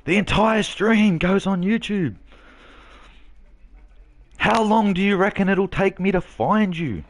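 A man's voice: high-pitched, slow. A man live-streaming a game, brash and trash-talking, swearing and mocking a heckler.

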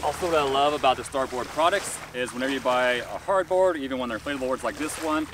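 A man casually unboxing gear for a vlog, relaxed and upbeat, recorded on a camera mic at a distance. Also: medium pitch, fast talker. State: briefly out of breath after pumping. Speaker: paddleboard vlogger. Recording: distant mic with background noise.

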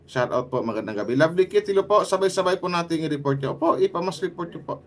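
A man with a Filipino accent hosting a casual livestream, reading out viewer shoutouts by name with quick asides. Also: on the high side. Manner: lively, greets commenters by name, quick asides. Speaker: livestream host.

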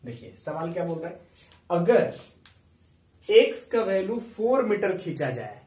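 A man's voice: high-pitched, very animated, unhurried, a little mellow. A man teaching a math lesson with a Bihari Hindi accent, explaining step by step and answering his own questions. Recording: echoey room, mic far off.

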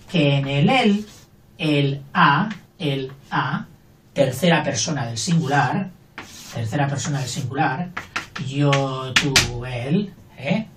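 A man's voice: a little high, a bit bright, far from the mic, slight background noise. Older male teacher, chatty and playful, recorded off-mic in an echoey room. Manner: chatty, playful, acts out everyday scenes. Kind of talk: casual grammar lesson. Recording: roomy, voice from off the mic.

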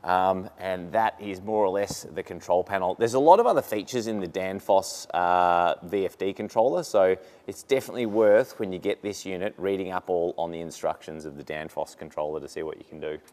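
A man with a fairly low voice and an Australian accent gives a relaxed, unscripted walkthrough of brewing gear. He talks with frequent ums and uhs. He is recorded on a handheld camera in a large indoor workshop. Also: fairly quick, few pauses. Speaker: equipment demonstrator. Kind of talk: casual product walkthrough.

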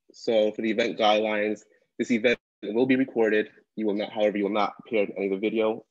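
A man in his thirties hosts a live online interview from a desk chair in an indoor room, reading introductions with small slips. He uses a webcam on a video call, so the audio is dull and lo-fi with no echo, and his pitch is fairly low.

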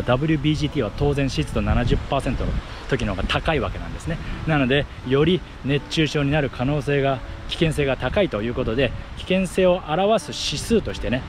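A man's voice: mid-range voice, background noise. A man explaining things to the camera in short phrases as he talks while running outdoors. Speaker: running vlogger and athletic trainer. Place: outdoors on a path by fields. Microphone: action camera at arm's length.

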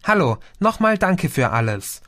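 A man voicing a shy, grateful young woman who speaks softly and hesitantly. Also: on the high side, big pitch swings, a little slow, voice pushed up. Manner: soft, hesitant.

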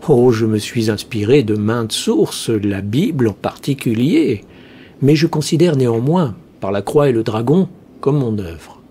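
A man voicing a cheerfully cunning male heretic priest, speaking slowly in a smooth, almost chanting way. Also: medium pitch, expressive, warm tone, slight background noise. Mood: sly. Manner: slow, smooth, chanting delivery.

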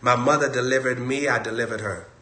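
A man preaching a sermon with a Texan accent, repeating warnings and swinging between loud calls and hushed lines. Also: medium pitch, steady tone, fast talker, echoey room.

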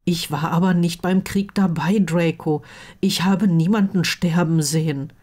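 A woman's voice: fairly low pitch, steady tone, a little slow, a little mellow. A woman voicing a sarcastic, worried teenage wizard boy in an audiobook reading of fan fiction. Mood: glum. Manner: sarcastic, dejected.

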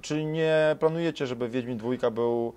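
A man's voice: medium pitch, moderate pace, darkish tone, clean tone. A man in his thirties interviewing a guest, probing with challenging questions and hesitating with many fillers, on a lapel mic in a studio. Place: studio set with dark backdrop and sofas.

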